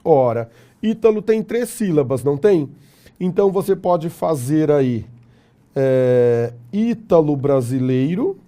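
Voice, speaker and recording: A Brazilian man lecturing a class in an unhurried, deliberate way. His voice is very dark and mellow, though it sits a little high for a man. He keeps it lively and jokey, tossing rhetorical questions at the room. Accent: Brazilian Portuguese. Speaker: teacher.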